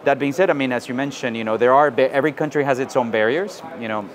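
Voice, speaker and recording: A man from South America giving measured interview answers, often adding "you know" and "right?". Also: mid-range voice, crowd noise. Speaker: interviewee, financial inclusion advisor. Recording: outdoor recording with street noise.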